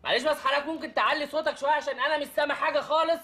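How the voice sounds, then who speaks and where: A man's voice: very high voice, steady tone, very fast, pushed and bright. An actor playing a timid, panicky young Egyptian man in a film comedy. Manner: panicky, whiny.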